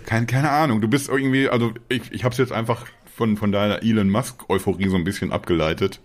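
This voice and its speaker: This podcast co-host speaks fast in a low, steady voice, joining from home in Dortmund. His talk is casual and joking, though he sometimes stops and restarts hesitantly.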